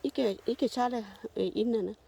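An older Thai woman with an Isan accent, narrating a casual foraging vlog in a forest and chatting warmly to her viewers. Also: fairly quick. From Thailand. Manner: chatty, warmly addresses viewers as kin, sweet polite endings. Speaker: vlogger. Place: forest outdoors.

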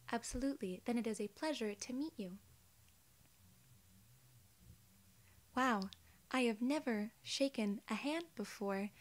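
In this ASMR roleplay, a young adult woman voices a courteous, inquisitive alien gatekeeper in a fairly high pitch close to her everyday voice. Her speech is soft and partly whispered, with a formal, old-fashioned turn of phrase.

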